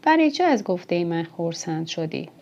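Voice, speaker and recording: A woman reading a calm young chariot driver. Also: fairly low pitch. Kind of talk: audiobook dialogue reading. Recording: dull, muffled audiobook recording.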